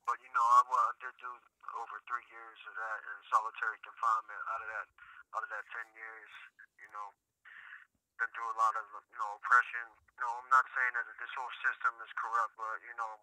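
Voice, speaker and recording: Tinny, sharp-voiced man on a prison phone. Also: lowish voice, little pitch movement, dry recording. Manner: slangy, halting speech with frequent "you know" and "man". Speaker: prison inmate being interviewed by phone. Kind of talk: casual conversation on a prison phone. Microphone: telephone handset.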